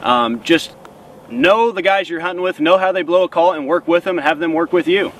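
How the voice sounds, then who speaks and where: A man's voice: a little high, brisk, a bit bright. A man giving casual hunting instruction as one of a team of callers. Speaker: goose-calling instructor and hunter. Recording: slightly distant, faint outdoor noise.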